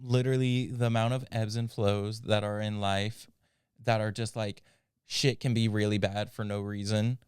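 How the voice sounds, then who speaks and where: A man in his twenties co-hosting a podcast, chatting casually with many fillers and gently reassuring listeners. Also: lowish voice, level tone, normal speed, clear, resonant tone, dry recording, studio quality. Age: 20s. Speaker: podcast co-host. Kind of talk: casual chat.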